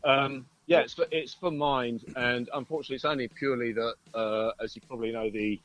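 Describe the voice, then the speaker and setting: A band musician, interviewed by phone through a Bluetooth headset outside a pub, chats casually in a jokey, rambling way. His mid-range voice is steady, fairly quick and a bit bright, and the recording is low quality.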